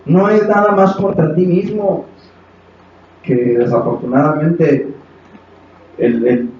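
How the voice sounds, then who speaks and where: A man with a Mexican Spanish accent preaching a sermon as pastor, impassioned, acting out quotes and rising to shouts. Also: on the high side. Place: church hall. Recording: echoey hall from far off, dull, faint hiss.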